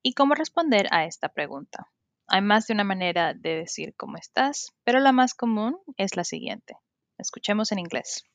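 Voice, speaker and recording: A woman, teaching an English lesson on a podcast in a slow, careful way and modeling the words for learners. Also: mid-range voice, animated, no echo. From Colombia. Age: 20s.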